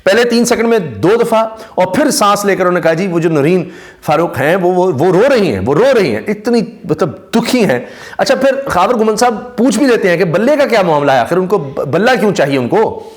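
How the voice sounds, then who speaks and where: A man, giving casual spoken commentary on news clips, talking at length with many drawn-out pauses and fillers. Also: high-pitched, animated. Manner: talkative, frequent "aa" fillers and pauses. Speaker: YouTube commentator.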